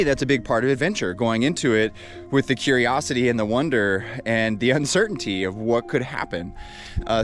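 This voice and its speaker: A man talking casually and reflectively to his viewers as an outdoor adventure vlogger. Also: mid-range voice. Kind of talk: reflective casual vlog talk. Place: outdoors on a trail.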